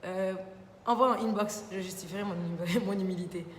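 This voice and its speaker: A woman's voice: mid-range voice, fairly even intonation, moderate pace. Young woman chatting through a live q&a, informal, lots of filler words, faint noise behind her in a reverby room. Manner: chatty and informal, fills with repeated "voilà". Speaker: TV columnist and live host. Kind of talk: casual live Q&A reading viewer comments. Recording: roomy studio reverb, faint background noise.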